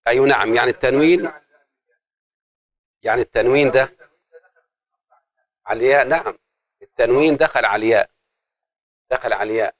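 A man with an Egyptian accent teaching Arabic grammar and poetic meter in a lesson, chanting the meter's syllables slowly and prompting his students for answers. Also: medium pitch.

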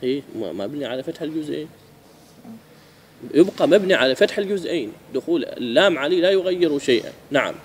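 A man teaching a grammar lesson, asking his students questions and repeating key phrases slowly. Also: on the high side, expressive, slight background noise.

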